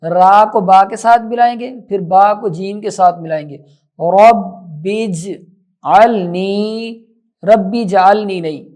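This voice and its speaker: High-voiced man teaching Quran recitation. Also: darkish tone. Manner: switches between brisk explanation and slow, drawn-out recited words; measured, instructive. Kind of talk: tajweed lesson.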